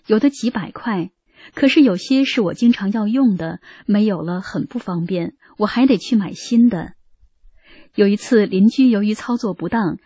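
A woman radio host reading a first-person story aloud in an earnest, even scripted narration. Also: mid-range voice, breathy edge, dry recording.

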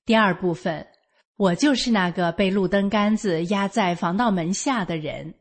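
A woman's voice: mid-range voice, moderate pace, faint music behind. An older woman from Northeast China with a Northeastern Mandarin accent, telling a personal story in a homely, matter-of-fact way. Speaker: storyteller sharing a personal account.

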